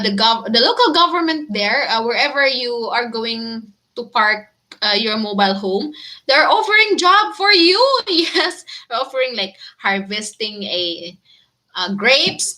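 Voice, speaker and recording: A woman's voice: medium pitch, pushed and bright. A woman with a Filipino accent, chatting casually with viewers and answering their comments, giggling often. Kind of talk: casual live chat with viewers.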